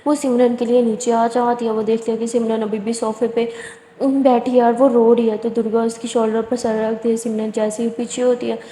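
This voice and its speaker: Woman storyteller, expressive and conversational; high, mellow voice in an echoey room. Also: normal speed, a little hiss or hum. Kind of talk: spoken love-story narration.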